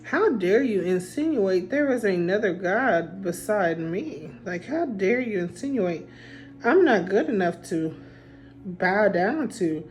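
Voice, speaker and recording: A woman voicing a proud, quick-tempered king who talks in casual modern slang. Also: mid-range voice, expressive, darkish tone, rough recording. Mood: furious. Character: proud, easily angered male king.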